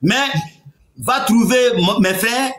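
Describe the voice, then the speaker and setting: Man, high pitch, echoey room, heated religious debate, insistent, stutters and repeats. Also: expressive, a bit bright. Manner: insistent, repeats words, reads scripture slowly.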